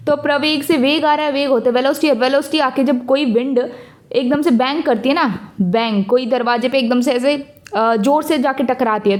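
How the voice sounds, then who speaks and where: A young woman teaching exam current affairs in a casual, chatty way, mixing English words into her talk and speaking straight to her students. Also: high-pitched. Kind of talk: casual lesson with memory tricks.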